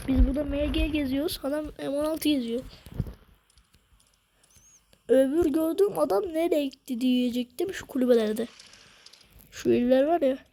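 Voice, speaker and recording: Brief: high-pitched woman, excitable slangy gameplay commentary, noisy recording with game clicks behind. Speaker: gaming video host.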